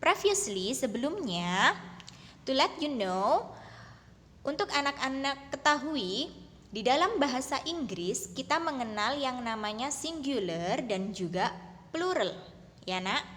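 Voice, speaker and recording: A woman teacher with an Indonesian accent, giving a bilingual English lesson to young children, speaking slowly and clearly and repeating words for the pupils. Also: high-pitched, very animated, a bit bright, long reverb tail.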